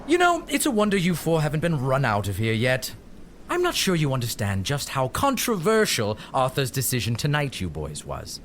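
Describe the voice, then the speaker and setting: A bitter older knight in an audio drama speaks with pride and contempt, his male voice swinging hugely in pitch between theatrical bluster and low menace. He talks at normal speed with a fairly bright tone, sounding menacing and contemptuous over faint ambient noise.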